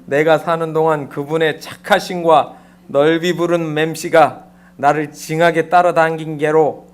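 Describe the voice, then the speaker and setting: A pastor putting on a folksy, exuberant countryman with a Jeolla dialect, reciting a psalm with loud, hearty, drawn-out exclamations in a church sanctuary. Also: on the high side, level tone, smooth, close to an everyday voice.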